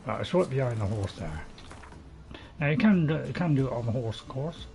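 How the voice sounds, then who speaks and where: A man's voice: mid-range voice, very animated, fairly quick, vocal fry, darkish tone, slight background noise. A man giving rambling, casual commentary as he plays a video game. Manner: rambling, chuckling asides. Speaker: gamer recording a playthrough.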